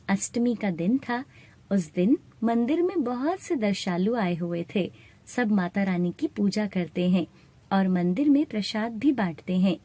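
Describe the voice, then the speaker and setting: Woman narrating an animated moral story. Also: medium pitch. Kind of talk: scripted narration.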